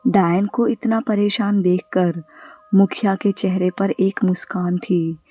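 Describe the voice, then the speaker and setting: A woman narrating a scripted horror story in a slow, even storytelling manner. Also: medium pitch, no echo. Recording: faint background music.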